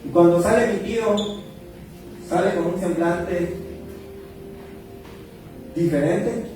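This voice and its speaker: A man's voice: sits high, slow pace. A man, a pastor telling a personal testimony in a sermon, recorded from a distance in a church hall with music behind. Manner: storytelling, animated when acting out quotes.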